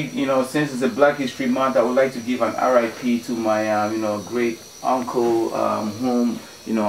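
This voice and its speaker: A man from Ghana, a guest on a radio show, telling stories in a relaxed way with many fillers and restarts. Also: fairly low pitch, echoey room, distant mic, a little hiss or hum, poor audio. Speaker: guest, community organizer. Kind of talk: casual radio interview. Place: radio studio.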